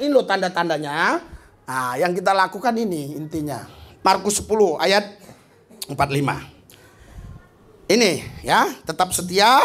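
A male pastor delivers a lively, animated sermon to his congregation. His voice jumps from loud, punchy calls to low, hushed asides, and he laughs often as he speaks. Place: small church.

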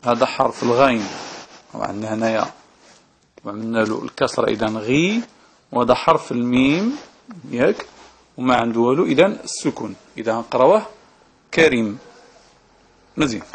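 A man's voice: mid-range voice, animated, slight background noise. Patient Moroccan man teaching letters. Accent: Moroccan Arabic. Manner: slow, patient, checks understanding with tag questions. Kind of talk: at-home teaching video.

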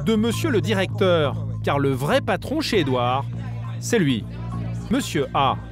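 A man's voice: on the high side, very animated, a little slow. A man narrating a documentary report in a scripted voice-over, over a music bed.

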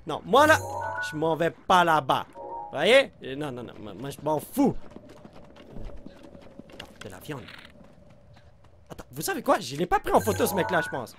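Excitable Québécois man narrating gameplay. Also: on the high side, normal speed, long pauses, soft background music. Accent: Québécois French. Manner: excitable, reacts loudly, mixes in English exclamations, addresses viewers. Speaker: let's play host. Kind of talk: gameplay commentary.

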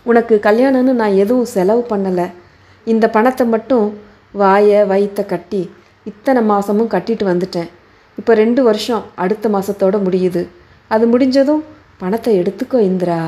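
A woman voicing a humble mother who quietly tells her daughter about money she saved for her. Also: medium pitch, moderate pace, close to an everyday voice. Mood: heartfelt. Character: humble, self-sacrificing older mother.

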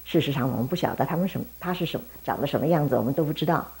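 A woman teaching Sunday school, telling a Bible story in a lively way and talking directly to the children. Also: low-pitched, racing.

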